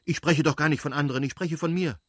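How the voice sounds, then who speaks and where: A man's voice: fairly high pitch, steady tone, fast talker, no room sound, voice pushed up, close to an everyday voice. A proud, impulsive young noblewoman, as a male audiobook reader puts her on, her voice lifted well above his own. She bursts out in agitated, self-reproaching lines. The sound is dry and close. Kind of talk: audiobook reading.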